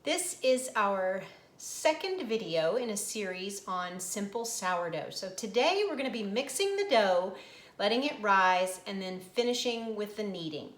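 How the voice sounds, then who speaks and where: With an animated, mid-range voice and an unhurried pace, a middle-aged woman explains each step of a recipe while demonstrating it on her own cooking channel. She's chatty and at home in her kitchen, and the room sounds echoey.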